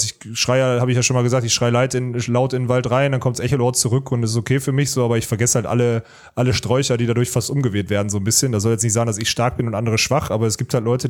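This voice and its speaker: A podcast co-host who talks quickly and loosely. He rambles, cuts himself off, and circles back to finish his thoughts. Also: mid-range voice, darkish tone. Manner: rambling, self-interrupting, laughs easily. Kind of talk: casual podcast chat.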